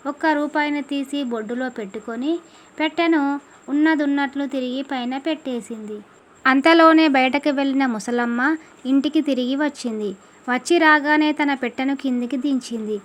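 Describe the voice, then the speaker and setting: A woman narrating a folk tale with steady, expressive storytelling. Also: high-pitched.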